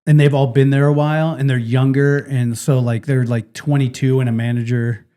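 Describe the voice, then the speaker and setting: A middle-aged man co-hosts a podcast, telling stories in casual chat and animatedly acting out what people said. His mid-range voice is clean in tone and moves at normal speed.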